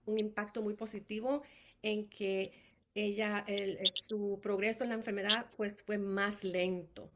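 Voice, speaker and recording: Her voice a little high, a middle-aged Puerto Rican woman with a Puerto Rican Spanish accent tells her own story as a family caregiver. The testimony is peppered with fillers and restarts.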